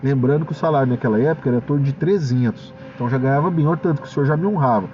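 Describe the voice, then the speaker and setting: A young Brazilian man giving a personal testimony at church, telling his story in an animated way and acting out the dialogue. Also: medium pitch, rapid-fire. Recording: distant mic, dull sound, faint noise.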